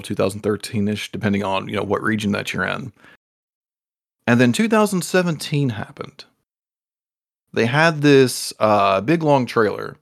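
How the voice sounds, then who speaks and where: A low-pitched man with a gravelly, creaky edge to his voice, co-hosting a casual podcast about video games. He talks animatedly and shoots up into high, excited tones whenever he acts out his own reactions. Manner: animated, jumps into high excited voices when quoting himself. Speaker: podcast co-host.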